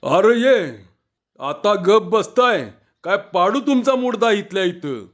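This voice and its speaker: A man doing a gruff, shouting village busybody. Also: high-pitched, slow, pitched above the performer's own voice. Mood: angry shouting. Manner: shouting rustic dialect. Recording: dull lo-fi recording.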